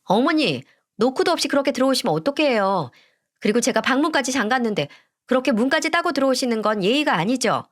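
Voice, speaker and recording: A woman's voice: medium pitch, very animated, normal speed, natural voice. A woman doing a snobbish young fiancée. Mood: indignant. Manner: sweet on the surface, dismissive and sharp underneath. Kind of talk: storybook voice acting.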